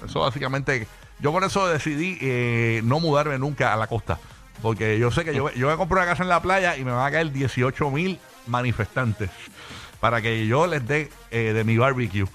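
Bright-voiced radio host. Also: male voice, mid-range voice, moderate pace, soft background music. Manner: jokey, loose, trails off with fillers. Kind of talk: casual morning radio chat.

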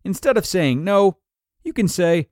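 A man reads a written piece aloud as scripted narration, moving through numbered tips in a clear, even delivery. His pitch rises and falls in a lively way. The sound is close and dry, with no room echo. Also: measured pace. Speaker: narrator reading an article aloud.

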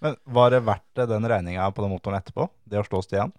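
Deep-voiced joking podcast co-host. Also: male voice, dry recording. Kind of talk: casual podcast chat.

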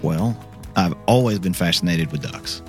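Low-voiced man. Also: moderate pace, faint music behind. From Arkansas, United States. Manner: informal, explanatory. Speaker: guest expert, university biologist and teacher. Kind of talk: casual interview talk.

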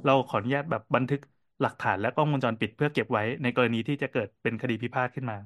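A man co-hosting a casual podcast, telling cafe stories in a quick, animated way with lots of fillers. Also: medium pitch, no echo, studio quality. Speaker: podcast co-host and cafe owner.

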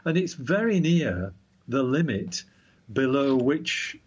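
Husky man explaining astronomy. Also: medium pitch, big pitch swings, slow, muffled recording. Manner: explains with analogies, self-deprecating asides. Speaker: astronomy commentator. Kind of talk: casual explanatory chat.

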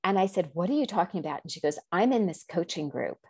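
Animated middle-aged woman telling her story. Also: quick pace, slightly rough, no echo. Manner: animated, acts out quoted dialogue with big pitch jumps; rambling with restarts and asides. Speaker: guest. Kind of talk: storytelling in an interview.

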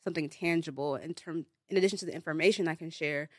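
Talking very fast in a low voice, this young beauty brand founder from Nigeria, an Igbo first-language speaker, is a guest in a casual studio podcast interview. The studio-mic recording has no echo, and her speech is full of "like" and "um" fillers.

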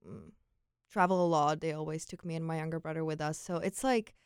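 A young woman from Prague speaks fairly quickly in a low, smooth voice with fairly even intonation, in clean studio sound with no room tone. A former exchange student appearing as an interview guest, she tells personal stories informally with a Czech accent, often saying "like" and quoting her thoughts.

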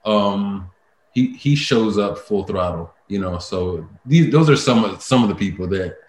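A man, a voice-over artist and actor, telling stories as a guest in a casual interview, lively and laughing often, full of fillers and restarts. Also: lowish voice, measured pace, reverberant.

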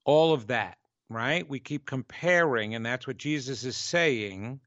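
A man's voice: medium pitch, unhurried, a bit bright, dry recording. A man with a New York accent delivers a conversational spiritual monologue as a radio host. He leans emphatically on key words, stretching them out. The sound is close and dry, a little dull and lo-fi. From New York, United States.

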